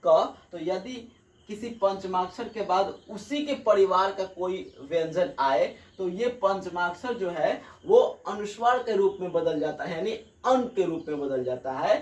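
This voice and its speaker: A man's voice: sits high, lively intonation, a little slow. A man teaching a grammar lesson at a whiteboard. He goes step by step, repeats key points and keeps asking the students check questions. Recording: echoey room, mic far off, birds outside.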